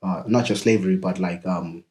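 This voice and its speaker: A man from South Africa explaining things in a casual podcast conversation, talking in halting fragments and leaning on "you know what I mean". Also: sits low, fairly even intonation, a little mellow.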